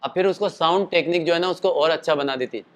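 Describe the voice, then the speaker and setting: Speaking fast with a voice that is a little high and a bit bright, a male teacher gives a casual lesson on singing and voice use. He explains things at length and chattily, illustrating with calls and sung notes, though his throat is tired from the previous night's show.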